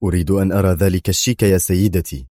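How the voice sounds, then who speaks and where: A man's voice: sits low, fairly even intonation, rapid-fire, mellow, dry recording, clean studio sound, close to an everyday voice. A man voicing a nervous, irritable male museum director. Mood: indignant. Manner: nervous, indignant.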